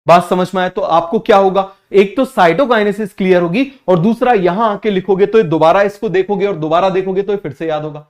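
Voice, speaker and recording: Man, high voice, young teacher, keeps checking students follow. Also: a little fast, hardly any pauses. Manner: keeps asking students if it is clear. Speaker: biology teacher. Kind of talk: online exam-prep class.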